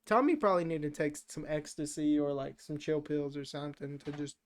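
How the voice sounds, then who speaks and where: A man's voice: on the high side, brisk. A man co-hosting a podcast, recapping a movie in loose, jokey, profane chat full of "uh" and "like". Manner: rambling, filler-heavy, profane, jokey. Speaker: podcast co-host.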